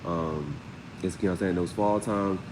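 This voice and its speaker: The tarot host's voice sits low, with fairly even intonation at a normal speed, and there's noise behind him. He keeps his live reading casual and meandering, frequently asking "you know what I'm saying."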